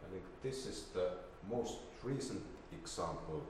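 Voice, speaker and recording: Low-pitched yet expressive, a middle-aged man hesitantly works through an informal slide presentation, his speech halting. The setting is an indoor seminar room with a projector screen, and a faraway camera mic gives an echoey, roomy recording with slight background noise.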